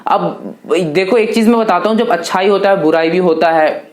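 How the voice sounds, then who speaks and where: A man's voice: sits high, moderate pace. An eighteen-year-old man answering viewer questions in a casual, chatty vlog, loosely talking to viewers as brothers. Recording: echoey room.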